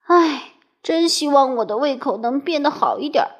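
A woman's voice: high-pitched, lively intonation, normal speed. A woman reading a wistful, skinny storybook man. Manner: sighing, wistful. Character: very thin man with no appetite, plaintive.

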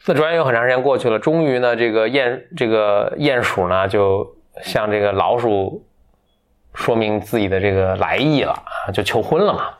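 A man casually retelling a fairy tale to a friend, rambling with many fillers and self-corrections, playful and quick to get animated. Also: lowish voice. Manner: playful, gets animated and laughs. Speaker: storyteller.

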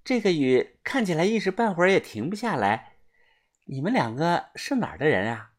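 A woman's voice: sits low, moderate pace. A woman voicing a wry, world-weary young woman. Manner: flat, wry, matter-of-fact.

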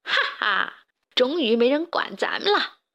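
A woman's voice: fairly high pitch, lively intonation, fairly quick, slightly rough, dull audio. A woman voicing a chubby, hesitant little chick in a children's storybook. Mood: timid. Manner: hesitant, quiet.

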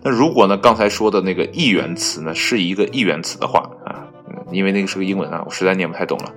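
A man casually reading an article aloud. He adds chatty asides, leans on filler particles between phrases, and trips over foreign names and corrects himself out loud. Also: sits low, fast talker, faint music behind. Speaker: reader of an online article.

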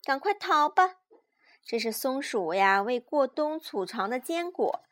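A young mother reading a picture book aloud to her child at bedtime, patient and animated. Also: high voice, measured pace. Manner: gentle, patient, animated storyteller.

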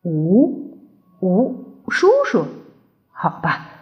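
A woman voicing a huge, lonely male tyrannosaurus who is gruff but gentle, speaking low, slow and halting in a storybook reading. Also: animated. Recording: dull lo-fi recording.

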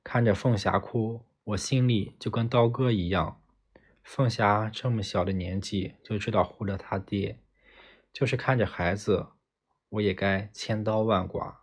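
A man's voice: on the low side, steady tone, a little slow, husky. A man reading a novel aloud in the first person, narrating steadily and plainly as an audiobook reader.

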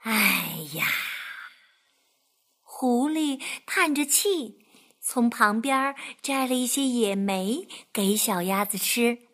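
A woman reading a children's picture book aloud in a lively, expressive way. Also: fairly high pitch, slow. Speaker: storyteller.

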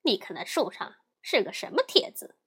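A woman's voice: mid-range voice, very animated, normal speed, fairly bright tone, breathy edge, pitched below the performer's own voice, heavily acted. A woman voicing a cheeky, confident male monkey king in a children's storybook reading, talking curtly. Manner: curt, scolding, confident.

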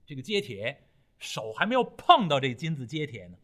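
A man telling a traditional Chinese story in a dramatic, rhythmic, expressive way. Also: medium pitch, normal speed.

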